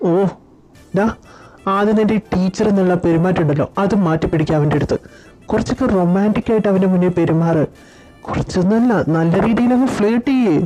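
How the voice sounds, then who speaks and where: A woman's voice: mid-range voice, fast, dark tone, soft background music, lightly acted, low-quality recording. A woman voicing anxious young men bantering and pleading with friends in a fan audio drama. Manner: pleading, exasperated chatter.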